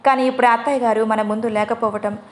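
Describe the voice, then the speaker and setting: A woman voicing a soft-spoken, tearful young wife, in a spoken storybook. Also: on the high side, fairly even intonation, fast, close to an everyday voice. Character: tender young wife, a sorrowful sister-in-law.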